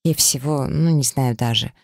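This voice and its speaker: A reader doing a lazy, calm girlfriend. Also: rumbling low, gravelly, no room sound, studio quality. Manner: lazy, unhurried. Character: lazy, calm young woman, best friend.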